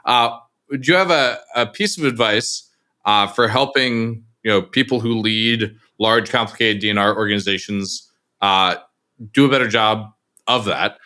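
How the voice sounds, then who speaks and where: Bright-voiced man hosting a podcast. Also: lowish voice, moderate pace. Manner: wry, steering the talk toward closing questions. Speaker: podcast co-host. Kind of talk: casual interview hosting.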